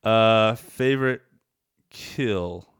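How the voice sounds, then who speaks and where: A man's voice: on the low side, extremely slow, smooth, no room sound, clean studio sound. A man hosting a podcast in casual chat, joking and telling stories animatedly. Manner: animated, joking, lively storytelling. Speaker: podcast host.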